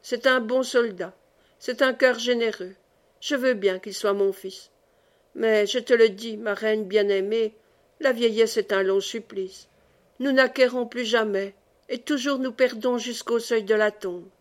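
A woman's voice: fairly high pitch, steady tone, a little slow, close to an everyday voice. Woman reading as a fervent old exiled lord. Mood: tender, brooding. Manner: fervent, emotional speech. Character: old exiled nobleman, tender doting father.

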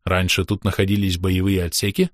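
Low-voiced man narrating an audiobook. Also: flat delivery, brisk, no echo, studio quality. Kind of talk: scripted first-person audiobook narration.

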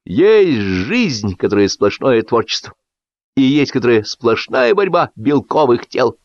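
A man voicing a pushy middle-aged party host who gives loud, drawn-out toasts. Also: mid-range voice, sing-song, dry recording, dull audio, pitched above the performer's own voice. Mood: toasting.

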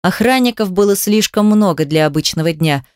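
A woman reading a novel aloud in first person, in a steady, measured way. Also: fairly low pitch, no room sound, clean studio sound. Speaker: audiobook reader.

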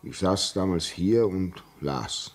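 Radio play: solitary, haunted signalman, low and husky, grave and slow. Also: lively intonation, full character voice. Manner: slow, grave and brooding, rising when agitated. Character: lonely self-taught railway signalman haunted by a ghost. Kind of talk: classic radio drama acting.

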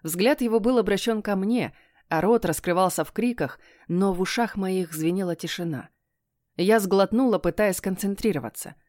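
A woman narrates a first-person fantasy story in a hushed, tense reading voice. Her pitch sits in a comfortable middle range, and the recording is dry and close with no room sound. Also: moderate pace, dry recording. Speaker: audiobook narrator.

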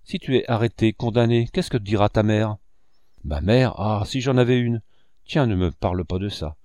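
A man's voice: on the low side, moderate pace, mellow, no room sound, clean studio sound, natural voice. A man voicing a tough young male street thief with a harsh, scornful manner, read in an audiobook. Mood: gruff. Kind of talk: audiobook reading.

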